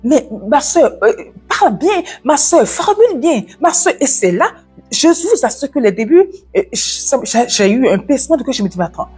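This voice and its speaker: Energetic African French woman, high voice. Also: slightly rough, soft background music. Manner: fast, loud, energetic, swallows words. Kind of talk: devotional talk.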